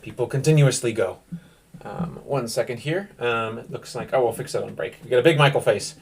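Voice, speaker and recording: A man running a tabletop game as game master. He narrates in a rambling way, full of fillers, at a mid pitch. The delivery is casual and loose. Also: a little fast, creaky, breathy edge, far from the mic.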